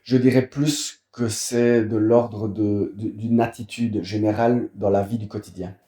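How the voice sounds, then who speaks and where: A Belgian-accented man from Wallonia talks casually as an interview guest, his tone mellow and dark in timbre. He hesitates often, repeating words and filling pauses. The sound carries a noticeable room echo. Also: lowish voice, fairly even intonation. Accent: Belgian French. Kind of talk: casual conversation.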